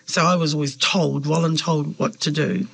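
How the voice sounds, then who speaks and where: A New woman with a deep, gravelly, husky voice, whose first language is Samoan, speaks at a normal speed as a member of parliament giving reflective interview answers. She is thoughtful and hesitant with fillers, but grows animated when quoting others.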